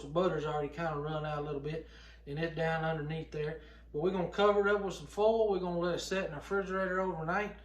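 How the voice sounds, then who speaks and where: A man's voice: a little high, a little hiss or hum. A middle-aged man with a Southern US accent, chatting casually and folksily as he gives a plainspoken cooking how-to. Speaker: home cooking vlogger. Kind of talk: casual how-to chat to camera. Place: home kitchen, indoors. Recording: roomy indoor home recording.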